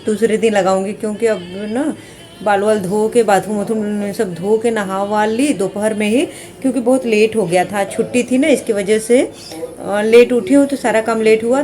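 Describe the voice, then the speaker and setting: A woman's voice: medium pitch, warm tone. A woman in her thirties chatting casually in a home vlog, homely and rambling. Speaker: vlogger. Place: home kitchen.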